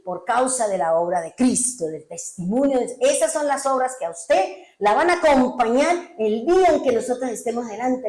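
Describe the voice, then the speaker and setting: A woman pastor delivers an emphatic sermon, firing rhetorical questions at her congregation. Her voice sits fairly high for a woman. The room around her is echoey. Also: a little mellow.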